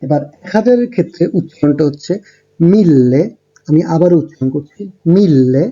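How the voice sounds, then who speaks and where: A man teaching a beginner language lesson, explaining step by step with frequent ums and pauses. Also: on the high side, expressive, warm tone, muffled recording. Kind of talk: lesson narration over slides.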